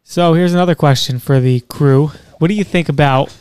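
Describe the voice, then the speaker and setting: A man hosting a podcast, joking in a casual group chat in a Brooklyn room. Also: on the high side. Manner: joking, quick quips. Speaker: podcast host.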